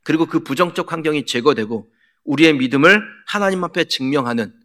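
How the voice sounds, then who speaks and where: Male pastor preaching, kinda high bright voice, keeps asking the congregation questions. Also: lively intonation, brisk. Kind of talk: sermon. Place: church sanctuary.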